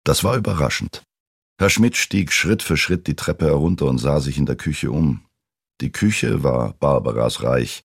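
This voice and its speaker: Man with a very deep reading voice. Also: lively intonation, unhurried, gravelly, husky, no room sound, studio quality. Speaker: audiobook reader. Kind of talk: reading a novel aloud.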